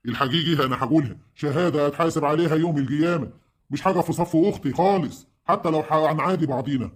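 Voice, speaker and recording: Guy doing an egyptian village uncle, kinda high voice, talks really fast, scolding. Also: lightly acted. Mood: earnest. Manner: pleading, scolding. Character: older village uncle, earnest and fair-minded.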